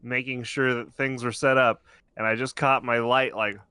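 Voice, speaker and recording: A man's voice: mid-range voice, flat delivery, normal speed, bright, forceful tone, clear, resonant tone, no room sound, studio quality. A man co-hosting a podcast in casual chat, rambling and losing his train of thought. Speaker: podcast co-host.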